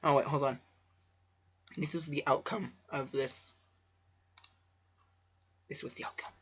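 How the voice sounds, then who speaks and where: An amateur fan fiction reader and video creator reads a story aloud casually, stumbling over words and breaking off into offhand asides. His medium-pitched voice is husky and fairly bright, with fairly even intonation and an unhurried pace. It's a dull lo-fi home recording.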